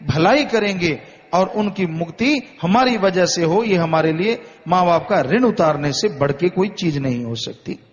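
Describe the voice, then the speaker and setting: A man delivers a sermon in a high voice, building his warnings through slow, repeated phrases. The sound is muffled and carries a long hall reverb. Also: expressive, slight background noise. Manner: slow, repetitive exhortation. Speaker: spiritual preacher. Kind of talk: Hindi sermon.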